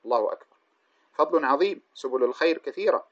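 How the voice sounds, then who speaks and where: Male religious teacher, quick explanatory lecturing, self-correcting; dull lo-fi recording. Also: fairly high pitch, expressive, a bit bright. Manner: explanatory, pauses and corrects himself mid-sentence. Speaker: Islamic scholar teaching hadith.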